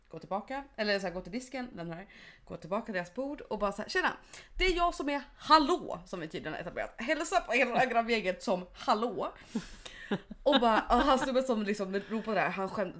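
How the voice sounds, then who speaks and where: A young woman chatting casually as co-host, telling stories with lively energy. She trips over restarts and fillers and drops English phrases in as she goes. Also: medium pitch. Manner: animated storyteller, mixes in English phrases. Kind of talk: casual chat.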